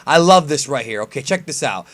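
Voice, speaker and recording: A man's voice: medium pitch, animated, fairly quick, over music. Casual guy doing anime fan commentary. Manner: informal, mildly profane slang. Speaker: host reacting to an anime preview.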